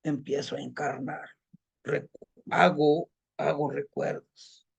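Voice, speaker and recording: Fairly high and steady, his creaky, husky voice moves slowly, with the highs cut off. He instructs a group on ancestral tradition by acting out a student's account, addressing them as brothers and asking rhetorical questions.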